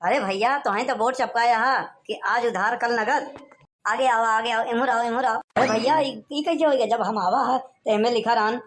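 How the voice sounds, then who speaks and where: A woman's voice: fairly high pitch, steady tone, moderate pace, a little hiss or hum, lightly acted. A woman voicing a poor male village customer in a cartoon, pleading in an Awadhi accent. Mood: protesting. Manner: pleading, wheedling. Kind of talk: cartoon voice acting.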